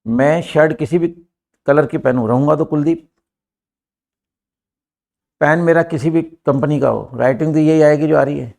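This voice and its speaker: Older Indian-accented male teacher, gravelly, emphatic, rhetorical, heard from across a classroom. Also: fairly high pitch, moderate pace, pauses often, warm tone. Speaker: English teacher. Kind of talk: classroom lesson.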